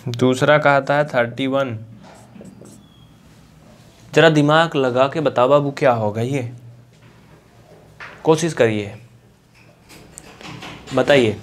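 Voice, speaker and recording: With a mid-range voice, a man from India gives an online maths lesson. His style is conversational and encouraging; he repeats things slowly and uses English textbook vocabulary.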